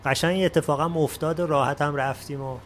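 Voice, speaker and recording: A man at a workshop telling a story from his own life in a plain, unhurried way. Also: a little high, steady tone, slight background noise. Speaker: workshop participant. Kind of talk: personal anecdote.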